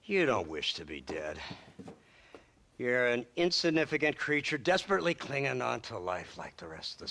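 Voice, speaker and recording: Smug, sardonic government man, swooping pitch. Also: pushed and bright, slight background noise, full character voice. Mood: contemptuous. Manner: sardonic, pompous, theatrical. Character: smug, condescending male government agent. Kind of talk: dramatic video game acting.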